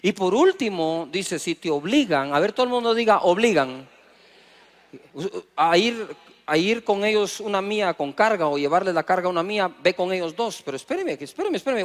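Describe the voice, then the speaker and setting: Middle-aged Guatemalan preacher, high voice, lively sermon with acted-out exchanges and crowd call-outs. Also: male voice. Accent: Guatemalan Spanish. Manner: lively preaching with acted dialogue and audience prompts. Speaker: pastor.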